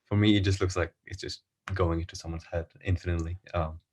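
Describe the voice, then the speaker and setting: A man from Iran, an artist guest on a podcast, speaks in a very low voice. He talks in a relaxed, casual way and searches for his words as he thinks aloud, with frequent pauses and fillers.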